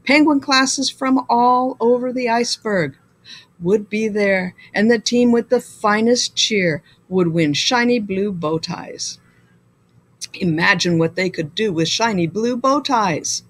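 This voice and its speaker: With a medium-pitched voice, a woman reads a children's story aloud in the manner of a school librarian, deliberate and expressive.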